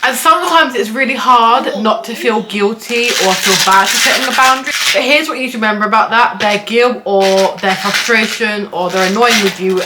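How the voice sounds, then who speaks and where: A woman's voice: fairly high pitch, moderate pace, hardly any pauses. A woman giving casual self-help advice in an earnest, reassuring, chatty way, with lots of "like" fillers. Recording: noticeable background noise and clicks.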